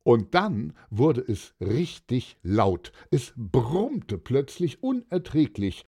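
A man narrates a children's audio story with dramatic, lively delivery that swings widely in pitch. His voice is warm and a bit husky, and he takes his time. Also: takes it slowly.

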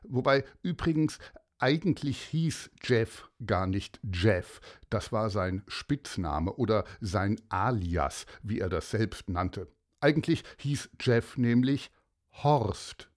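A man's voice: lowish voice, lively intonation, slow pace. A man narrating a children's story, speaking directly to young listeners in a friendly way.

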